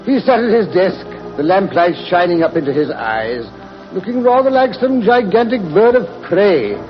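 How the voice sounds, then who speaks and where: An actor playing a genial, fussy older English doctor who narrates and bickers in 1940s radio drama style. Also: male voice, sits high, sing-song, moderate pace, soft background music. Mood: genial storytelling. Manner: avuncular, fussy, indignant when teased. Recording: muffled, noisy old 1940s radio recording.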